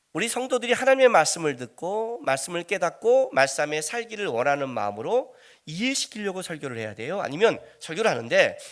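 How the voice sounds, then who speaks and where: A middle-aged male pastor delivering a sermon in a conversational, animated way. His voice sits high and swings widely in pitch as he throws rhetorical questions at the listeners.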